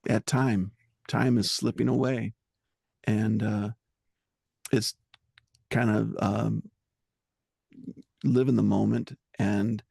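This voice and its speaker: Interview guest: man, low husky gravelly voice, dry sound, earnest and halting. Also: a little mellow, dry recording. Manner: halting, searching for words, earnest. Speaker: musician guest. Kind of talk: reflective interview talk.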